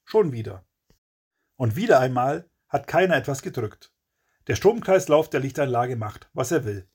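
A man's voice: medium pitch, expressive, moderate pace, a little mellow, breathy edge. A man narrating a crime story in a dramatic, punchy audiobook reading.

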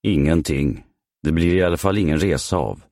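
A curt, businesslike director in his middle years, as a man reads him aloud. The voice sits very deep and close, with no room sound around it. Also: darkish tone, no room sound. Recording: dry close studio sound.

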